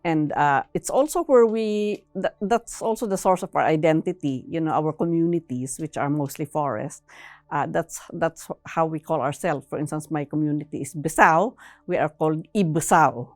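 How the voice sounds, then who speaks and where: Her voice sits low, with no room sound, as a woman gives explanatory answers in an interview. She is measured and halting, now and then ending a phrase with a questioning "no."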